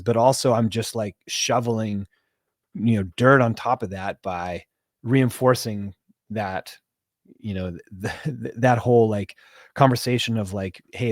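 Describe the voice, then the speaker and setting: Deep-voiced man reflecting candidly. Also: dry recording, studio quality. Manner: open, self-reflective, halting. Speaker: podcast co-host. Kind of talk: candid casual chat about marriage.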